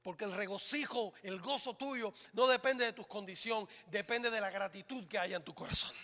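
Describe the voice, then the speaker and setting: Dramatic pastor guy preaching, sharp bright tone, long church echo, goes from shouting to hushed. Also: high voice, normal speed. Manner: dramatic, swings between loud exclamations and hushed lines. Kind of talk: sermon. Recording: reverberant church hall.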